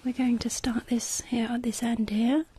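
A woman whispering an eye-exam ASMR roleplay in a soft, gently encouraging, deliberate manner with dry playful humor. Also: a little high, level tone, husky. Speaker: ASMR creator playing an eye examiner.

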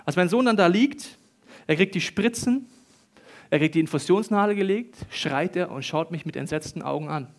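Animated man preaching a sermon. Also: sits high, normal speed. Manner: animated storytelling, acts out quoted voices, swings between loud bursts and quiet. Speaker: pastor.

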